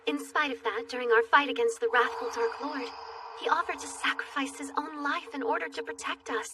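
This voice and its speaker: An actress playing a sweet, innocent young cleric, polite and earnest, in an anime dub. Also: female voice, high-pitched, steady tone, fairly quick, far from the mic, noisy background, lightly acted. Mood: earnest pleading.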